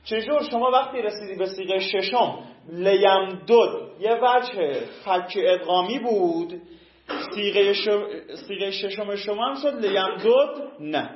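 High-voiced male teacher in an echoey room. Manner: explains step by step, asks and answers his own questions, chants word forms slowly. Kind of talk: classroom lesson. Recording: echoey room, dull lo-fi sound.

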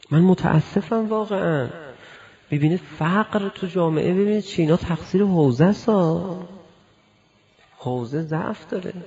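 Gravelly-voiced man preaching. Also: high-pitched, a little mellow, highs cut off. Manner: rhetorical, acts out imagined dialogues. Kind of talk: religious lecture.

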